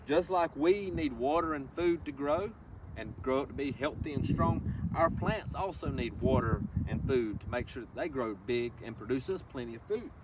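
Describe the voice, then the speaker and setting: Speaking at a normal speed with a medium-pitched, animated voice, a male presenter reads a picture book aloud for a children's read-along. He addresses the young listeners directly, teaching as he goes and adding folksy asides and questions. The mic is distant, and faint noise can be heard.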